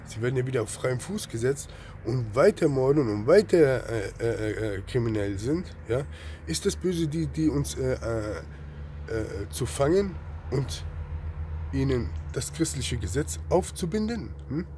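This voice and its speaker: A man delivers a heated, rambling sermon at a middle pitch, peppering every point with "ja?" and pointed rhetorical questions. His volume jumps from sudden loud bursts down to near-muttered asides. A faint hum sits underneath. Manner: rhetorical questions with constant tag "ja?"; swings between loud outbursts and low murmurs. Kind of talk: impassioned religious rant.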